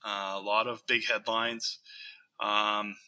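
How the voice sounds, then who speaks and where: A young man co-hosting a casual sports podcast, speaking in a halting, deadpan way full of ums and restarts. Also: fairly low pitch, rough recording. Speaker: podcast co-host.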